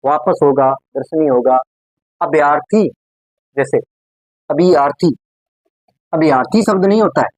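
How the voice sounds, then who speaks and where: A man with a Rajasthani Hindi accent teaches grammar in a slightly high voice. The sound is close and dry, with no room echo. He drills each word by repeating it and keeps asking his students questions. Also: normal speed, pauses often, darkish tone. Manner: repeats words, quizzes students with rhetorical questions. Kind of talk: classroom lecture.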